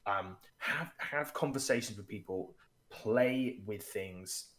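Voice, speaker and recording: A man's voice: on the low side, slow, a bit bright. A man co-hosting a casual chat about tabletop games, talking freely with many restarts. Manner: chatty, restarts often, acts out player quotes. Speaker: podcast co-host.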